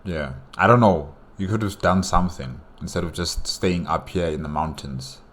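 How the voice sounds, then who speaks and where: A man with a very low voice reacts casually and off the cuff. He feels his way through each thought haltingly, repeating words and leaning hard on the ones that matter. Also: a bit bright. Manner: halting, repetitive, emphatic. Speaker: reaction video host.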